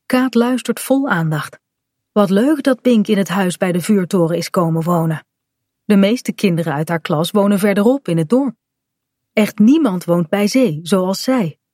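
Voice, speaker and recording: A woman calmly reading a children's story aloud in a gentle storytelling manner. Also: medium pitch, normal speed, no room sound, studio quality. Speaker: storybook reader.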